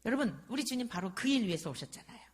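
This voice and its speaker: A woman's voice: fairly high pitch, big pitch swings, very fast. A woman pastor preaching a sermon with passion, firing rhetorical questions and frequent interjections.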